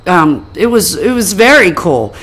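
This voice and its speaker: A woman's voice: fairly low pitch, very animated, measured pace, a bit bright, breathy edge. A woman co-hosting a podcast in casual chat, chatty and self-mocking. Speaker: podcast co-host.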